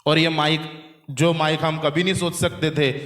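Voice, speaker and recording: High bright-voiced pastor preaching. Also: male voice, little pitch movement, measured pace, roomy sound. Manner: call-and-response preaching, quizzing the congregation. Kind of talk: sermon. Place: church hall. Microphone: handheld microphone.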